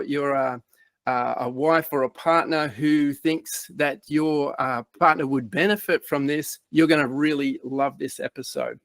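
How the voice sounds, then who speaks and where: Upbeat podcast host man, higher voice. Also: no echo. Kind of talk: podcast interview.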